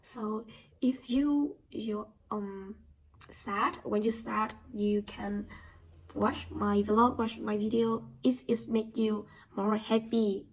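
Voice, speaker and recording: A young woman from Vietnam talking in simple, halting English with a Vietnamese accent, half-whispered, as a casual vlogger. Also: mid-range voice, steady tone, low-quality recording. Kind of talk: casual vlog talk.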